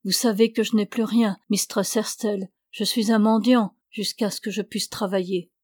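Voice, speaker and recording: A woman's voice: medium pitch, fairly even intonation, normal speed, darkish tone, dry recording, lightly acted. Woman reading grieving young man, subdued, muffled, audiobook, dry sound.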